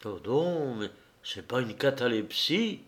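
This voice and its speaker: A man's voice: mid-range voice, expressive, slow. A man voicing a frightened young man who urgently pleads with his ailing friend. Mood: fearful. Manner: urgent, desperate.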